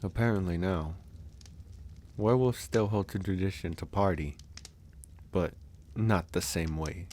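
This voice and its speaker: A low-voiced man takes the role of a relaxed, frank, laid-back werewolf in an intimate ASMR roleplay. He reflects and tells stories slowly, breaking things up with sighs and pauses.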